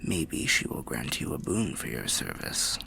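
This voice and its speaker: A male performer plays an ancient undead soul for a fantasy roleplay, a genial storyteller by a bonfire, in whispery ASMR narration. His low, gravelly voice is half-whispered yet very animated and exaggerated, unhurried and musing, with a helpful mood and archaic fantasy phrasing. Slight background noise is present.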